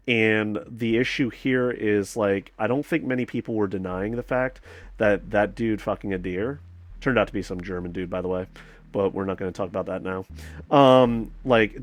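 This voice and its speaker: A man hosting a casual commentary video, rambling with many fillers, sarcastic asides and swearing. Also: lowish voice.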